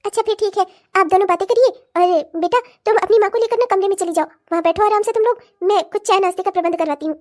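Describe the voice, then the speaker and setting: A woman voicing a proud, bossy middle-aged mother-in-law who talks briskly and insistently. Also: very high voice, a little mellow.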